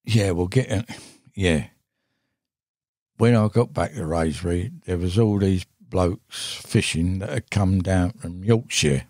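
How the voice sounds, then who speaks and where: An older man with a very low, husky voice tells a long, rambling tale as a podcast guest. He talks casually and saltily, swearing freely and stopping on fillers. The studio sound is close and dry. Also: slow pace, darkish tone, no echo. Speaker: podcast guest, veteran angler. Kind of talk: casual anecdotal storytelling.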